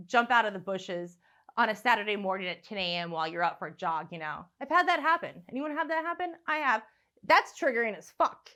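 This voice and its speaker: A woman's voice: sits high, a bit bright. A young woman stand-up comic ranting profanely and sardonically, practicing her set into a phone at home. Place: room at home.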